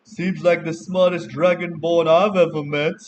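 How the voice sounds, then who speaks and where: A man's voice: fairly high pitch, steady tone, unhurried, a little hiss or hum, pitched above the performer's own voice, close to an everyday voice. A man voicing a sarcastic tavern patron in a tabletop game, on dull lo-fi audio. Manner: sneering, sarcastic.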